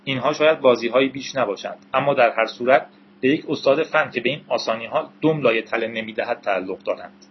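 A man's voice: medium pitch, muffled recording, a little hiss or hum, natural voice. A man voicing a brash, suspicious young male computer whiz who makes blunt, scornful remarks, in an audiobook reading. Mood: impatient.

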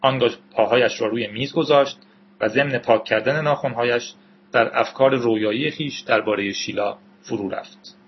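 Male narrator for an audiobook, measured and even, middle pitch; dull, muffled recording. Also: slightly rough.

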